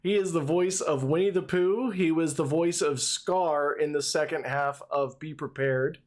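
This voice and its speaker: A man's voice: on the high side, unhurried. A man in his thirties or forties giving casual, off-the-cuff commentary as he streams a video game.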